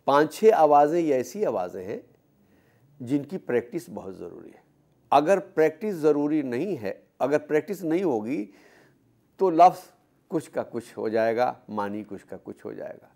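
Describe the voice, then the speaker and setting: Guy giving a lecture, slightly high voice, slow and explaining. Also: sing-song, vocal fry, warm tone. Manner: measured, explanatory, with repeated examples. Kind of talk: educational lecture.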